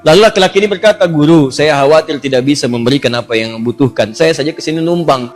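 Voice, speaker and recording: Male preacher, fairly high voice, lively storyteller who quizzes the congregation. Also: fast talker, soft background music. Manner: lively, jumps to high voices for characters, asks the audience questions. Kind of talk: storytelling sermon.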